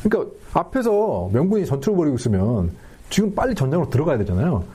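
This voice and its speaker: A man, a history researcher, explaining informally as an expert guest with a husky voice. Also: fairly high pitch, big pitch swings, fast, dark tone.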